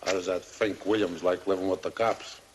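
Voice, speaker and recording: An actor playing a sly, wheedling racketeer in an old crime drama, with mock-hurt slangy talk. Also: male voice, low voice, steady tone, normal speed, background noise, natural voice.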